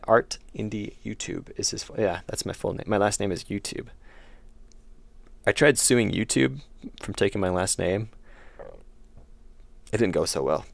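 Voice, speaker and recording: At a normal speed and in a gravelly, fairly low voice with no room sound, a young indie game developer chats with his stream audience and responds to their messages. He's a little under the weather, his voice is going, and he rambles through self-corrections.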